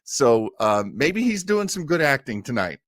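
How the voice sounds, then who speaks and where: With a sing-song, unhurried delivery, a man hosts a chatty livestream about old radio shows, rambling and easily distracted. The medium-pitched voice is a bit bright, and the dry recording has studio quality.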